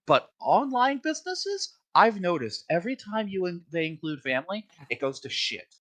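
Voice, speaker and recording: Male co-host, blunt and foul-mouthed, bright lively delivery. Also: high voice, moderate pace. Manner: profane, ranting and blunt. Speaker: podcast co-host. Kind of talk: casual chat.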